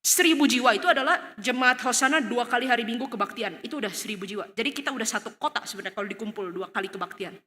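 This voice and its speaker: A woman's voice: a little high, rapid-fire. A woman preaching a sermon in a church hall, with an Indonesian accent, telling the story dramatically and crying out in the voices of the people in it. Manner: dramatic, acts out scenes with sudden loud cries. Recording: long hall reverb.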